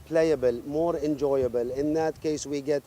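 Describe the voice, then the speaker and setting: A man's voice: on the high side, fairly even intonation, a little slow, warm tone, faint music behind. A man speaking for a golf club in an interview, hesitant, with many fillers and restarts. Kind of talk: interview answers.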